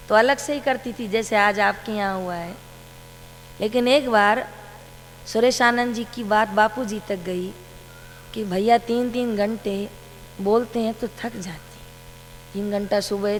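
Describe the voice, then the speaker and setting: Woman satsang speaker, anecdotal storytelling, mid pitch, echoing hall with faint hum. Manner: storytelling, quoting her guru's words. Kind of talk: devotional talk with anecdotes.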